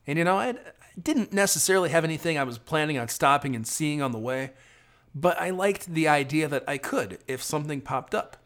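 A man's voice: fairly high pitch, animated, fairly quick, a bit bright. A man giving a rambling, chatty running commentary from inside his van while he drives, recorded on a phone video from a phone mounted on the dashboard. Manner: chatty and rambling, thinking aloud with many restarts. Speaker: road-trip vlogger.

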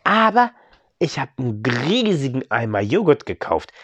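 A man's voice: medium pitch, big pitch swings, moderate pace, a bit bright, no echo, lo-fi sound, pitched above the performer's own voice. A man voicing an eager, generous neighbour in a bedtime story.

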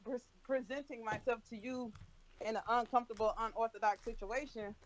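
A woman's voice: on the high side, steady tone, brisk, muffled recording, slight background noise. A woman co-hosting a podcast in blunt, slangy, casual chat. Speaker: podcast co-host.

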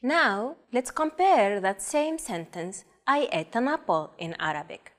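A woman with a fairly high voice co-hosts a beginner language lesson. She reads a prepared script and slows down to model example words carefully. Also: very animated.

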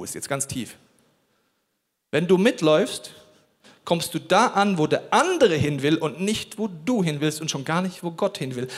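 Energetic German-speaking male preacher. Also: on the high side. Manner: direct, addresses listener as du, animated swings in loudness. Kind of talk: sermon.

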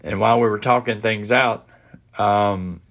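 A middle-aged man with a head cold hosts a casual solo podcast from his home office. His voice is lowish, steady, and gravelly, with a fairly bright tone. He speaks haltingly, with many fillers and restarts.

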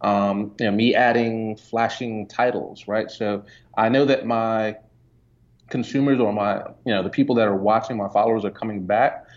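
A man's voice: on the low side, moderate pace. A man from Jamaica, a guest entrepreneur and photographer, talking casually in an interview with many fillers. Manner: relaxed, conversational, many fillers. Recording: dull lo-fi sound.

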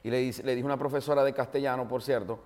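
A man's voice: mid-range voice, racing. Joking Maracaibo-accented man telling anecdotes. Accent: Maracaibo Venezuelan Spanish. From Zulia, Venezuela. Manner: animated, jokey anecdotes with many fillers. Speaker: interview guest, broadcaster. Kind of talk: casual storytelling interview.

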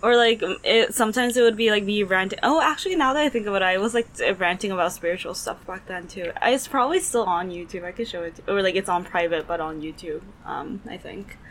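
A woman's voice: mid-range voice, quick pace, hardly any pauses, a bit bright, a little hiss or hum. Rambling young woman co-host, lots of fillers. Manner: rambling, full of "like" and fillers, laughs often. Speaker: podcast co-host. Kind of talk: casual chat.

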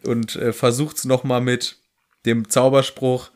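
A man's voice: medium pitch, little pitch movement, a little slow. Dry-humored German man reading out quotes. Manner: dry, teasing, reads quotes aloud. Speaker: podcast co-host. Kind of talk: casual book discussion.

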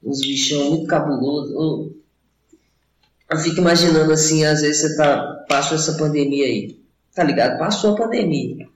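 A man's voice: on the high side, moderate pace, a little hiss or hum. A young Brazilian man in a casual, rambling chat, talking in a slangy, meandering stoner style. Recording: roomy echo, slightly dull sound.

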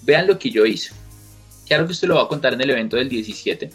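Husky emphatic motivational man. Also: mid-range voice, animated, fast, a bit bright, faint music behind. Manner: emphatic, repetitive, rhetorical questions; acts out quoted people. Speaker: motivational coach. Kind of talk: motivational talk to camera.

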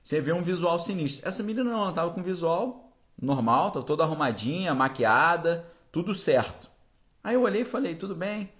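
A man's voice: fairly high pitch, big pitch swings, brisk, a bit bright. A man, a podcast host and preacher, telling a first-person story in a conversational way that keeps checking in with listeners.

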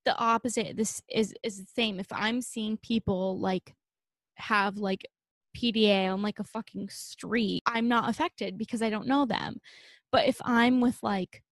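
A young woman co-hosting a podcast, chatting in a relaxed, wandering way with fillers and casual swearing. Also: medium pitch, measured pace, no room sound, studio quality. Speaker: podcast co-host. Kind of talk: casual chat.

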